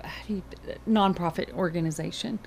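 A woman talking casually as an interview guest, telling things in an animated, conversational way. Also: lowish voice, a little fast, crowd noise. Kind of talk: casual chat. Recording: clear background noise.

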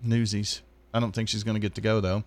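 A man's voice: lowish voice, level tone, quick pace, no room sound. A middle-aged man, hosting a morning radio show in easygoing, rambling banter from a studio microphone. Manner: easygoing, rambling with many ums.

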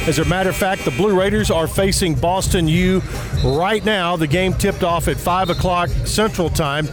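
A man with a fairly high-set voice presents sports news on the radio. He delivers scores and schedules like an announcer, reading from a script. Music plays behind him.

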